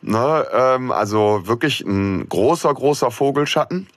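A man's voice: medium pitch, expressive, a little slow, dry recording, studio quality. A man co-hosting a casual podcast chat, hesitant and full of fillers and restarts. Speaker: podcast co-host.

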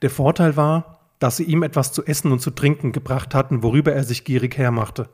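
A man narrating a fan-made detective story as an audiobook reading, steady and plain. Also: medium pitch, fairly quick, husky.

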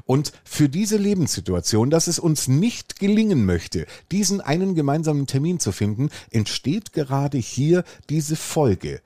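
A man's voice: on the high side, sing-song, measured pace, few pauses, dark tone, no room sound, clean studio sound. A man hosting a casual podcast, rambling through wry anecdotes. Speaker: podcast host.

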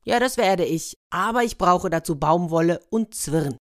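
A woman voicing a cunning young male trickster who talks in a lively, scheming way. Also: lowish voice, normal speed, no room sound, studio quality, close to an everyday voice. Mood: agreeable.

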